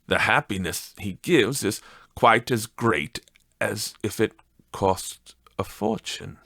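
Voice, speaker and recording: A man's voice: on the low side, lively intonation, takes it slowly, gravelly, fairly bright tone, dry recording, clean studio sound, full character voice. A man voicing an agitated, remorseful older miser in an audiobook of a Victorian tale. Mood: heated.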